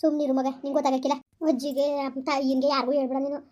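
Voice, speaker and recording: An actress playing a weary village mother who scolds fast yet accepts her fate. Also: sits high, level tone, a little mellow, highs cut off, close to an everyday voice. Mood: resigned. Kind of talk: village family drama.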